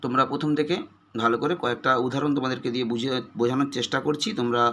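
A man's voice: medium pitch, steady tone, racing, fairly bright tone, slight background noise. A man teaching an exam-prep lesson, patiently breaking words into single sounds, with a West Bengal Bengali accent.

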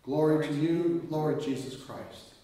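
A man's voice: fairly high pitch, fairly even intonation, slow pace, dark tone. A middle-aged man speaking as a priest, leading liturgy and preaching. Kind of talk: liturgy and sermon. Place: church chancel, standing, indoors. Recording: echoey church interior.

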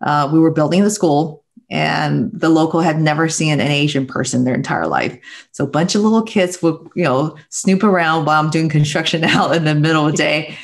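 A woman's voice: deep voice, lively intonation, brisk, creaky. Guest: middle-aged Taiwan-born woman, earnest and reflective, video-call earbud sound. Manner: earnest, reflective, with soft laughs. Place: home room with bookshelves, indoors. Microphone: wired earbuds headset on video call.

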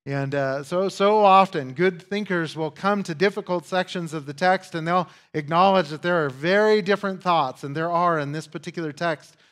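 Man, pastor, sermon, high voice, conversational, emphatic repetition. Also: normal speed, few pauses, fairly bright tone.

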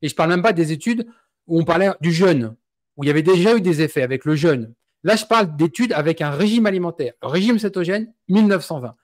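A man in his forties with a French accent from France hosts an interview, voicing a passionate opinion with outspoken indignation. His voice is fairly high, animated and quick. He speaks into a studio mic on a stand in a small indoor room.

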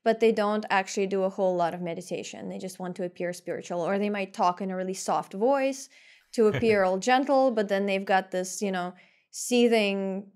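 A woman co-hosting a casual podcast conversation, easygoing, with light laughs and fillers. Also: mid-range voice. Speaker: podcast co-host.

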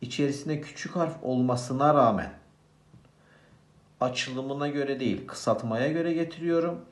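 A man's voice: medium pitch, a little slow, reverberant. A man teaching a grammar lesson, asking questions and answering them himself.

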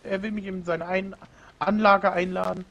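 A man's voice: high-pitched, level tone, creaky, a bit bright, lo-fi sound. A man joking and teasing his friend while commentating a multiplayer game. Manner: teasing, joking, quick mocking asides. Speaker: let's play commentator. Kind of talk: casual gaming banter.

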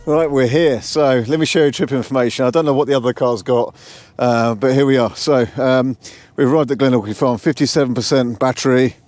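Faint music plays behind this car vlogger's casual, matter-of-fact talk to camera, delivered a little fast in a steady, medium-pitched, slightly mellow male voice. He wears a lapel mic with a furry windshield and mostly films outdoors, around car parks and roadsides.

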